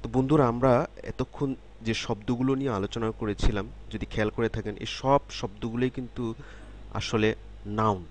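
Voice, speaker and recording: A man teaching a beginner vocabulary lesson, saying each word slowly several times and then explaining its meaning. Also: medium pitch, steady tone, slight background noise. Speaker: language teacher. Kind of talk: slow, repetitive vocabulary lesson.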